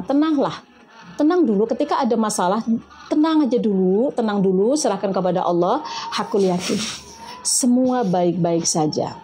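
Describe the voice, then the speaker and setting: A woman gives a lively sermon to a gathered audience, her voice pitched fairly high with a mellow, soft tone. She keeps asking her listeners questions and slips Arabic prayers into casual talk. Faint music plays behind her. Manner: lively, animated, rising and falling in pitch, addresses audience as friends. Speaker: preacher. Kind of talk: religious talk to a live audience.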